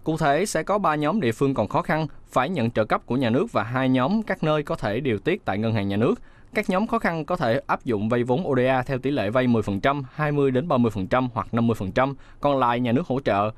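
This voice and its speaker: A man reading a scripted news voice-over in a steady, measured way. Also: medium pitch, dry recording. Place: studio booth.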